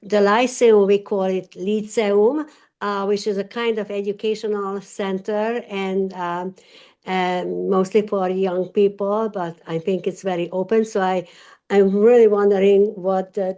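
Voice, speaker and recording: Woman, English speaker, warm mellow tone, polite careful intro. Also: medium pitch, steady tone, a little slow. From Hungary. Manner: polite and careful, slightly unusual phrasing. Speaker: meeting participant. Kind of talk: self-introduction in a group discussion.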